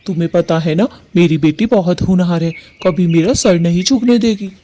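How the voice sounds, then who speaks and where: A man's voice: sits high, normal speed, mellow, natural voice. A man voicing a stern, protective father bird in a cartoon who gives firm commands. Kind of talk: Hindi cartoon voice acting.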